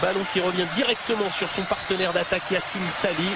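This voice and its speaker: A man giving excited live football commentary as lead commentator, exclaiming and shouting at goals and chances. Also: high-pitched, brisk, over a noisy crowd. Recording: loud ambient noise behind the voice.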